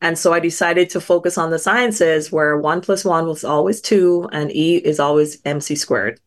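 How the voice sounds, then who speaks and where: A woman's voice: sits low, moderate pace. A middle-aged woman from Barbados, a scientist guest telling her story in a thoughtful, earnest way. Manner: thoughtful, earnest, frequent small restarts. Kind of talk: reflective personal storytelling.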